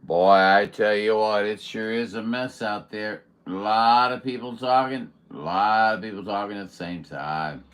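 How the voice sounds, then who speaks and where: A man's voice: on the low side, fairly even intonation, a little slow, few pauses, a bit bright. A man hosting a casual livestream, chatting and bantering in a folksy, wry way. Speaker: livestream host. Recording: clearly noisy background. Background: radio chatter.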